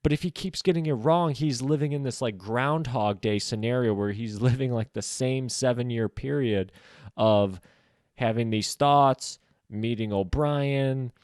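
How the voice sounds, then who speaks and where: A man's voice: mid-range voice, darkish tone, clean tone, dry recording, clean studio sound. A man hosting a solo podcast, casually discussing a novel, thinking aloud with frequent filler words.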